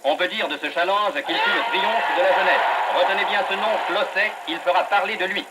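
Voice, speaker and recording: A man giving brisk, emphatic old newsreel commentary on an old film soundtrack. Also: high-pitched, heavy background noise. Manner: brisk, emphatic announcer delivery.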